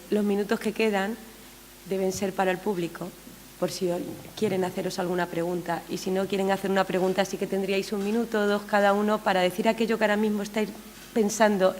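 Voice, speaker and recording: A woman's voice: mid-range voice, a little mellow. A woman moderating a panel discussion, managing time and turns, hesitant with many fillers. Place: hall at a round-table event. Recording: hall reverb, faint noise.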